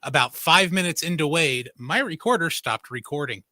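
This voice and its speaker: A man hosting a live radio show from the studio in a measured, matter-of-fact way. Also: on the high side, expressive, sharp tone, no echo.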